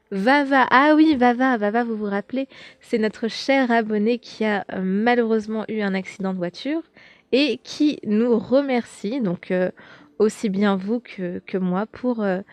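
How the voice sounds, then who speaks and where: A woman's voice: a little high, a little mellow, no room sound. A young woman hosting a podcast, chatting casually as she reads out viewer comments, with lots of fillers and restarts. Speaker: podcast host.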